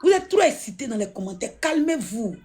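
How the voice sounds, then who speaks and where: A woman on a live stream panel lecturing the commenters and telling them to calm down. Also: a little high, brisk, crowd noise. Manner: scolding, instructive toward viewers.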